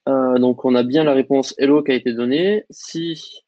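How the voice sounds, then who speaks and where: A man teaching a coding lesson over a screen share, explaining in a relaxed way with lots of fillers. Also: medium pitch, normal speed, muffled recording. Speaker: coding instructor.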